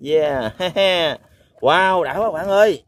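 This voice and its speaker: A man's voice: fairly high pitch, slow pace, slight background noise. A man hosts an outdoor toy-hunting vlog, exclaiming "wow" and chuckling as he talks to viewers. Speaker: toy vlogger. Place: outdoors on a sandy lot.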